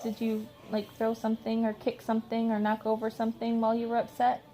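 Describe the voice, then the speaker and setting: A woman's voice: fairly high pitch, monotone, fast talker, warm tone, faint music behind. A middle-aged woman and mother talking in a casual personal vlog, rambling and emotional, often restarting her sentences. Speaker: vlogger, mother. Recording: faint background noise.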